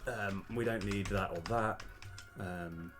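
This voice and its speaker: Low-voiced man coding live, full of ums. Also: slow, music in the background. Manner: hesitant, many ums, talks through code. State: slightly losing his voice. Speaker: game developer streamer. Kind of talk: live coding stream, thinking aloud.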